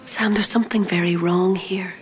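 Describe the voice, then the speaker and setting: A woman playing a naive, earnest angel in a TV drama, innocent and halting. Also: on the low side, fairly even intonation, lightly acted. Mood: worried. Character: naive, earnest female angel stuck in human form. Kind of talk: TV drama acting. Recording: faint background noise.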